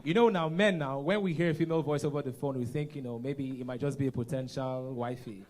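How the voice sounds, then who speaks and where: A man co-hosting a conference on stage, telling stories with lively acted-out voices. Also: medium pitch, fast talker. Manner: animated storyteller, acts out voices. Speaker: conference co-host. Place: conference stage before an audience.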